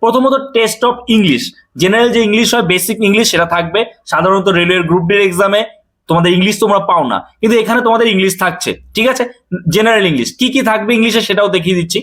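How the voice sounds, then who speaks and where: A high-pitched man with a fairly bright tone works as a coaching teacher, explaining a job notice to viewers. He talks quickly and addresses them directly, checking in often to make sure they follow.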